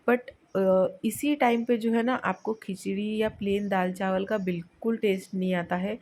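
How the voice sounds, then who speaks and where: A woman's voice: mid-range voice, darkish tone. A young woman from India narrating her personal vlog casually, chatty and full of fillers and Hinglish asides. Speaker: vlogger.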